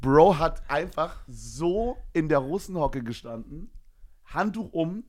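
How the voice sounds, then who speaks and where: A young man in casual podcast chat, telling an animated, slangy story and acting out the scene. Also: on the high side, slow.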